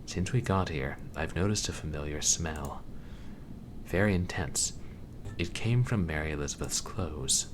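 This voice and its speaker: Guy doing a matter-of-fact investigator in a video game, low voice, measured, noisy audio. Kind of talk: acted game dialogue. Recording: clearly noisy background.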